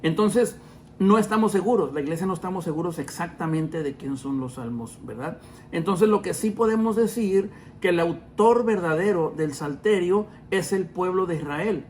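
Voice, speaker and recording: A man's voice: high-pitched, lively intonation, moderate pace, a little mellow, a little hiss or hum. A man around forty hosting a podcast, teaching the Bible in a casual, chatty way, with many fillers and self-corrections. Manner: addresses listeners as brothers.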